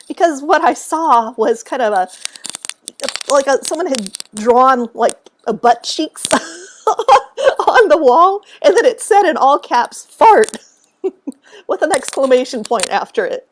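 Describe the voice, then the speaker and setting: Animated woman telling a childhood story. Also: high-pitched, a little slow. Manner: animated, acts out quotes, laughs often. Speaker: author and speaker. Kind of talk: casual storytelling to camera. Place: at home.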